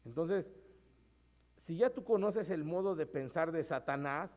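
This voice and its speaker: Male pastor, relaxed conversational sermon delivery, voice slightly higher than average. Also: unhurried. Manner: conversational preaching, often adds "hermanos".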